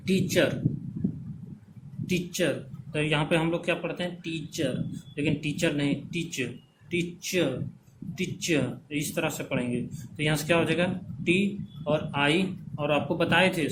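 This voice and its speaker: A man teaching English phonetic transcription, repeating words slowly as drills and checking in often. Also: a little high. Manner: checks in often with "theek hai". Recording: background noise.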